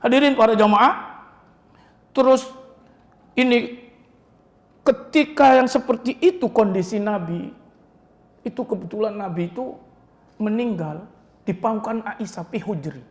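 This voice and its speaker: A man's voice: sits high, a little slow, pauses often. Guy preaching in a mosque, chatty, chuckles, big echoey hall. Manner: storytelling with Javanese asides and chuckles. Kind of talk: mosque sermon.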